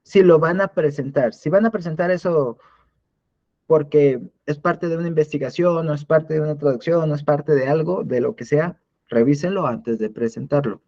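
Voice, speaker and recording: A man's voice: on the high side, moderate pace, warm tone, dull audio. A man teaching a live online class in a conversational way, often restarting and repeating words. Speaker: instructor.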